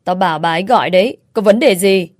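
A gruff, domineering father-in-law, played by a woman reading the story, who barks short, blunt orders. It is an audio storybook recorded dry and close. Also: medium pitch, fast, darkish tone, no room sound, natural voice. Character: stern, stingy old father-in-law, domineering.

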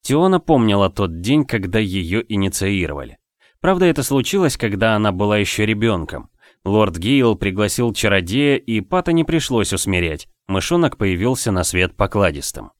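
Low-voiced man narrating an audiobook. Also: sing-song, normal speed, no echo, studio quality. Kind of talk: scripted narration.

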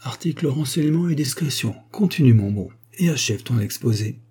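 A man's voice: mid-range voice, expressive, fairly quick, dark tone, breathy edge. A man voicing a scheming former notary clerk turned fixer, jovial and fond of saying "mon bon". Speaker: character in an audiobook.

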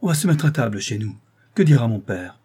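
A man's voice: medium pitch, big pitch swings, brisk, warm tone, breathy edge. A man voicing a proud, hot-tempered eighteen-year-old nobleman who speaks abruptly in an audiobook. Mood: outraged. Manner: abrupt and indignant.

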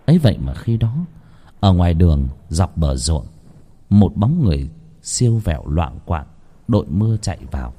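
A man narrating a ghost story in a dramatic, expressive manner. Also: low voice, normal speed. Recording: faint background music.

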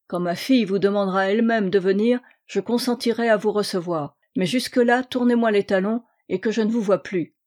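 A man's voice: high voice, brisk, few pauses, darkish tone, lightly acted. A woman reading an old farmer's lines, a defiant father who speaks fiercely to unwelcome suitors. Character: enraged old male farmer, blunt father.

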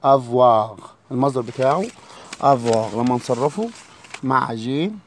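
An Egyptian-accented man teaches a French lesson to schoolchildren. He drills every verb form slowly and says it again and again. His pitch sits mid-range for a man. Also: slight background noise. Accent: Egyptian Arabic. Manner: slow, repeated drilling of words. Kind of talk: classroom lesson.

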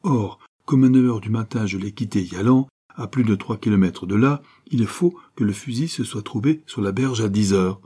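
A bitter, sickly young man played by the male reader who argues in a dry, harsh voice, fast and pointed. Husky and dark underneath. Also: on the low side. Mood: arguing. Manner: sharp, arguing, quick.

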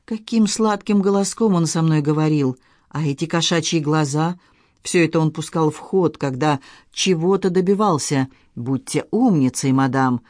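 A man's voice: on the high side, normal speed, a little mellow, no echo, clean studio sound, lightly acted. A man voicing a tearful, guilt-ridden young woman confessing in an audiobook. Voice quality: pleading, sobbing delivery.

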